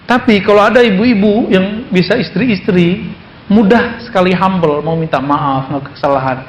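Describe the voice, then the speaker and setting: A man giving a sermon to a congregation in a relaxed, conversational way, quoting Arabic and then explaining it in plain speech with teasing asides. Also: sits high, normal speed, muffled recording. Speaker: preacher. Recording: echoey room with faint background noise.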